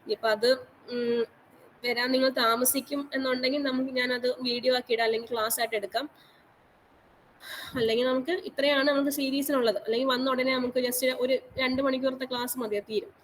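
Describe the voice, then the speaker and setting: Brief: woman lecturer on an online class call, higher pitch, repeats every instruction, faint background noise. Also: flat delivery, a little fast, low-quality recording. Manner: repetitive, instructive, mixes English terms into speech. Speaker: college teacher.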